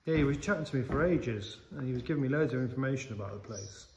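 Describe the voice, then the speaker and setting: A man's voice: mid-range voice, quick pace. Middle-aged man, chatty rambling vlogger, handheld camera at arm's length, faint outdoor noise behind. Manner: chatty, rambling, often restarting sentences. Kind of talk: casual walking vlog chat. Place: outdoors in a village and inside a small stone church.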